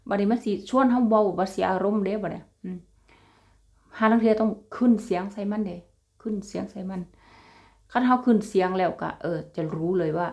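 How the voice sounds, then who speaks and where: A woman's voice: mid-range voice, normal speed, a little mellow. Chatty Isan-accented woman vlogger. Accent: Isan (Northeastern Thai). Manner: chatty, laughs often, addresses viewers as siblings. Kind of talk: casual chat to viewers.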